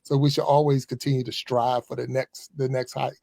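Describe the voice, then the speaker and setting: A man in his fifties, a former pastor, talking casually as a podcast guest, chatty and relaxed with frequent chuckles. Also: medium pitch, fairly quick, creaky, dry recording, clean studio sound. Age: 50s. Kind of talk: casual conversational interview.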